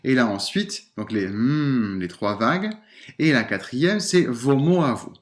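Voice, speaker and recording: A man's voice: medium pitch, animated, measured pace. A man coaching listeners on voice and public speaking in a podcast lesson, speaking expressively and shifting intonation and stress as he demonstrates.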